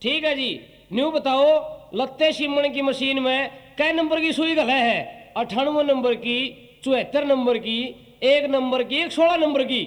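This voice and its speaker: A man's voice: extremely high pitch, measured pace, fairly bright tone, in a large hall. A man reading out a quiz question as an audience member.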